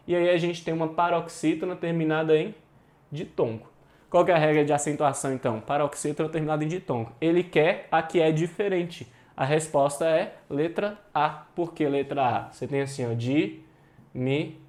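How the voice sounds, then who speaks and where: A Brazilian man with a somewhat high voice, running an online exam-prep lecture. He talks to students in an informal, emphatic way, drops slang and swears now and then, and hammers points home by repeating them. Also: darkish tone. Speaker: teacher.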